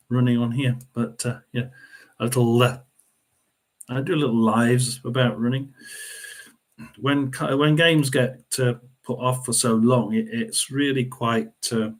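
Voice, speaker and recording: A middle-aged man hosts a football watchalong in a loose, casual way. He rambles along with plenty of fillers and keeps clearing his throat between thoughts. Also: medium pitch. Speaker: watchalong host. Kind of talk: casual live football commentary.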